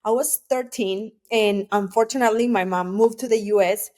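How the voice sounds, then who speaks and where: A woman's voice: medium pitch, moderate pace, a little mellow. Earnest Colombian-born woman telling her story. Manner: earnest, candid, tells personal stories. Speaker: podcast guest, community founder. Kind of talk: conversational interview storytelling.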